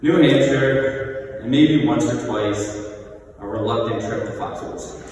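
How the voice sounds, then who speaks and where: A middle-aged man reading a prepared eulogy aloud, reminiscing in measured short phrases. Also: medium pitch, darkish tone. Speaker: son giving a eulogy. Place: large reverberant church. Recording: echoey church hall, distant mic, noisy.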